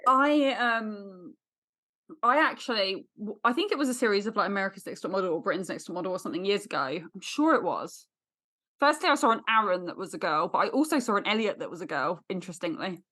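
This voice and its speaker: A woman's voice: medium pitch, animated, quick pace, pushed and bright. Lady cohost, giggly casual chat, medium voice. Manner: laughs often, chatty and playful. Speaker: podcast co-host.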